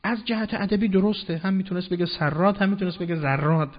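A man's voice: high voice, steady tone. A man giving a formal, explanatory religious lecture and quoting Arabic verses. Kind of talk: religious lecture on Quranic wording. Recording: dull lo-fi recording with long hall reverb.

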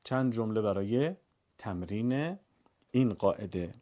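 A man teaching the rules of Quran recitation, explaining step by step and chanting the examples in a slow, melodic voice. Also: on the low side, expressive, mellow. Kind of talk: instructional explanation.

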